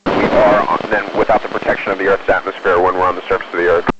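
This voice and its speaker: Astronaut on a noisy space radio. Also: male voice, sits low, little pitch movement, dull audio. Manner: measured, explanatory, with hesitant pauses. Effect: space radio transmission. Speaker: astronaut aboard the space station. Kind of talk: answering questions over a radio link. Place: inside an orbiting space station.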